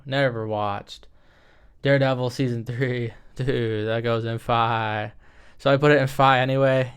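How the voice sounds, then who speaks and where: A young video creator ranks movies into tiers, giving casual, rambling commentary in a clean, medium-pitched voice. He often cuts himself off and throws in slang.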